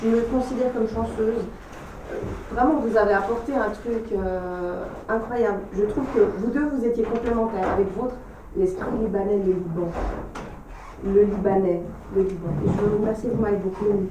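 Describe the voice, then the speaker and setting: A woman in an audience speaking effusively and haltingly, full of gratitude, in an echoey room. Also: mid-range voice. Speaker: audience member. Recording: echoey, distant, noisy room with clicks.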